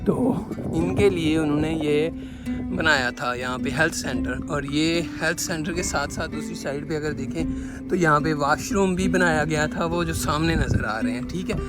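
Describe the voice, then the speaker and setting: A man's voice: a little high, normal speed, loud music behind the voice. A man from Pakistan with a Punjabi accent narrating a casual travel vlog, showing and explaining things conversationally as he walks around outdoors. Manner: conversational show-and-tell with repeated pointing phrases. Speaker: travel vlogger. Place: outdoors in a windy rural village.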